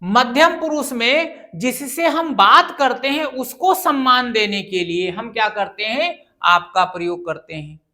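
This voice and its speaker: A woman's voice: fairly high pitch, expressive, measured pace, few pauses, sharp tone. A woman teaching a grammar lesson for exam students, patient and repetitive, often asking the class questions. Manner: patient, repeats key points and asks the class questions.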